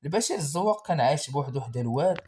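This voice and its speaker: A man's voice: a little high, lively intonation, racing, a little mellow, slight background noise. A man with a Moroccan accent narrating a horror story in a dramatic, suspenseful way.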